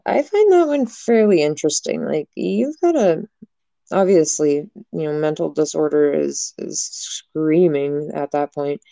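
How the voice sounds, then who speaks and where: A woman's voice: deep voice, expressive, unhurried, vocal fry, dark tone, no echo. A young woman hosting a casual podcast, frank and jokey, swearing freely as she talks. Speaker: podcast host.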